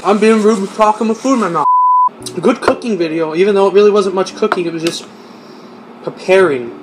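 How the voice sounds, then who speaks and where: High-voiced young man, joking vlog. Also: expressive, a little fast, background noise. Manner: joking, self-mocking. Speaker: YouTuber. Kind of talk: casual cooking vlog. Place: home kitchen. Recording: music playing underneath.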